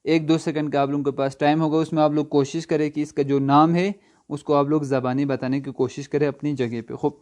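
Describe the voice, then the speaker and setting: A male language teacher, a native Urdu speaker, slowly drilling vocabulary by asking and answering his own questions. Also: on the high side, level tone, darkish tone. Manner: slow drilling, repeats words with question and answer. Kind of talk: recorded online language lesson.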